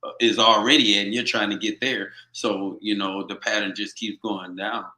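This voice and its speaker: A man's voice: on the low side, fairly even intonation, normal speed, sharp tone, echoey room. A man talking as a podcast guest, reflective and thinking aloud with small stammers. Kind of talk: casual podcast chat.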